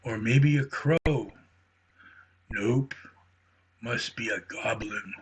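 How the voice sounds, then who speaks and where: A man voicing a calm, friendly male turtle who speaks slowly and deeply, in a bedtime story. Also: a little hiss or hum. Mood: musing. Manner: slow, deep, unhurried.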